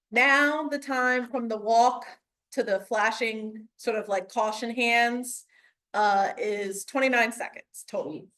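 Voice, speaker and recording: Woman with a highish voice, informal community update, blunt and chatty wording. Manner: colloquial, frank. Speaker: community group member giving an update.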